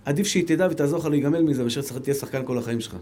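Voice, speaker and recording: A male rabbi with an Israeli accent giving a fervent Torah lecture, dropping to soft low asides and then rising to emphatic calls. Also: slight background noise.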